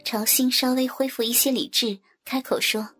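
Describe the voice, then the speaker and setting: A woman narrating an audio story in a soft, even reading voice. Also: sits high, moderate pace. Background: faint music.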